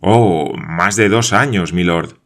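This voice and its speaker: A man's voice: low voice, lively intonation, takes it slowly, a bit bright, exaggerated voice. Man doing a stubborn frontier sergeant. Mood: insistent.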